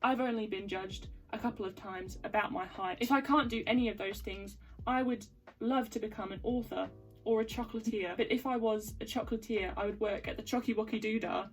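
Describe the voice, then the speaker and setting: A woman's voice: mid-range voice, fairly quick, long pauses, recorded from a distance, soft background music, low-quality recording. A young woman in a casual vlog, reading aloud from her childhood journals in an embarrassed, self-deprecating, giggly way. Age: young adult. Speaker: vlogger.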